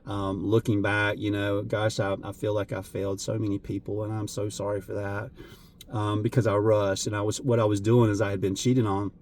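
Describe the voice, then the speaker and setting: A man talking earnestly and emotionally to camera as a vlogger, halting, with many fillers and restarts. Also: fairly low pitch, level tone, a little mellow, slight background noise. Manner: emotional, voice wavering at times. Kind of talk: heartfelt unscripted talk to camera.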